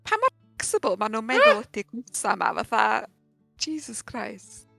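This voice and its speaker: A woman's voice: on the high side, very animated, normal speed, creaky, pushed and bright, no room sound, soft background music. A woman with a North Wales accent chatting casually and reading dialogue along in a read-along.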